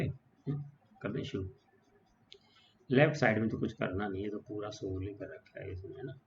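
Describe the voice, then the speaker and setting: A man with a lowish, slightly mellow voice gives a casual whiteboard math lesson, breaking down equations step by step and regularly checking in with his students. The recording sounds dull and lo-fi, with faint background noise.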